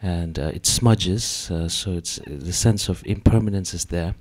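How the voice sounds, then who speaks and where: A man in his thirties, an artist on a panel, speaks into a handheld mic in a gallery room with an audience. His voice is deep and darkish, unhurried, and he talks hesitantly with many fillers.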